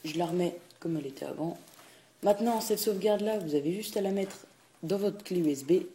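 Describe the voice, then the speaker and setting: Man, casual tutorial talk, hesitant with fillers, mellow dark voice. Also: sits high, fairly quick, slight background noise. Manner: hesitant, many fillers and restarts; says "tac" at each click. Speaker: video game tutorial host. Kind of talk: casual screen-recording tutorial.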